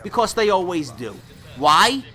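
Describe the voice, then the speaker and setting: Animated, bright-voiced mocking young man. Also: high-pitched, unhurried. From New York. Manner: animated, mocking, ranting delivery. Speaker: gaming YouTuber reading hate mail. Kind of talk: gameplay voice-over commentary.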